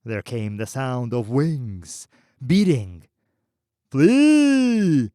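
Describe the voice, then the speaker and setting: A male audiobook narrator reading slowly and expressively, his pitch moving widely through each sentence. The sound is dry and close, with no room around it. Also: expressive, darkish tone, dry recording.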